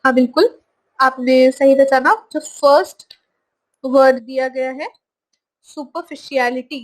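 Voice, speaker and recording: A woman teaching English vocabulary from slides, saying each word slowly and repeating it. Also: high voice, fairly even intonation, rough recording. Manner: slow, drawn-out pronunciation of each word, repeated. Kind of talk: slide-based vocabulary lesson.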